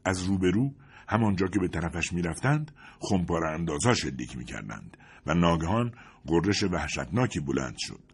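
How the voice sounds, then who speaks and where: Deep husky male audiobook narrator. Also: big pitch swings. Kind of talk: scripted narration.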